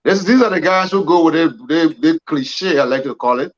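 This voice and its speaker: A panelist in his forties argues emphatically in a political debate, accusing his opponents. His voice is on the high side and a little fast, with dull lo-fi audio.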